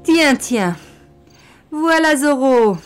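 A woman's voice: on the high side, huge pitch swings, unhurried, smooth, soft background music, pitched above the performer's own voice. Woman doing a sneering teenage gang leader. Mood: mocking. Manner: sneering, taunting. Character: menacing red-haired teenage gang leader, mocking.

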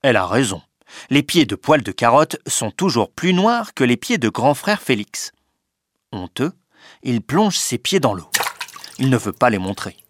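A man narrating a storybook reading in a lively, expressive way. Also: mid-range voice, measured pace, no room sound.

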